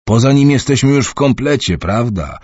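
A man voicing a bald older uncle who speaks loudly and heartily, coaxing a relative to calm down. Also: medium pitch, normal speed, husky, dry recording, voice pushed up. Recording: dull muffled recording.

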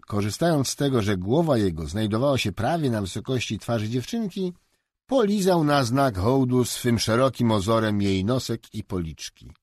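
A man narrating a storybook slowly and expressively, with a lively intonation, recorded close on a studio mic. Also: medium pitch, slightly rough, no room sound. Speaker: audiobook narrator.

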